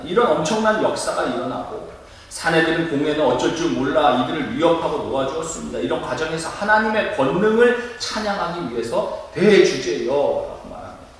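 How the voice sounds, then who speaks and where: Animated male pastor in echoey church. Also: a little high, a little hiss or hum. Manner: animated preaching, acting out shouted cries. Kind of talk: sermon. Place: church sanctuary. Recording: echoey room, mic at a distance.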